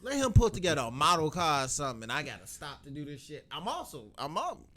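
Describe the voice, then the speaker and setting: A man co-hosting a podcast in casual chat, talking in a lively, joking way and acting out quotes. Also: on the high side, quick pace, a crowd in the background. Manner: animated, laughing, acts out quotes. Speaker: podcast co-host.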